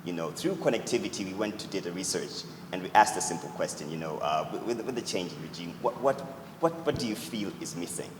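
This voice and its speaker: Deep-voiced founder fielding judge questions; earnest, leans on "actually"; long reverb from a big hall. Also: male voice, expressive, a little fast, noisy background. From Tanzania. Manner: earnest, repeats "actually" often. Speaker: startup founder answering judges. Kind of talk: pitch Q&A answer. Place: event hall. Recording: echoey hall with loud ambience.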